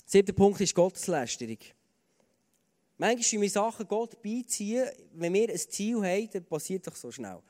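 A man's voice: high-pitched, very animated, normal speed, mellow. A man with a Swiss German accent preaching a sermon in an earnest, conversational way, with many fillers and repeated starts. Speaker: pastor. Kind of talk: sermon with personal stories. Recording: long hall reverb.

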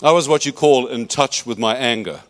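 A man telling his story in short, measured phrases, pausing between lines so they can be interpreted. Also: mid-range voice, fairly bright tone. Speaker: guest speaker giving testimony. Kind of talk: emotional spoken testimony, paused for interpreter.

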